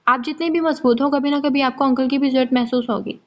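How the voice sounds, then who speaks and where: A woman voicing a sensible young daughter-in-law who persuades gently, in a muffled lo-fi recording. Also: high voice, steady tone. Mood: pleading.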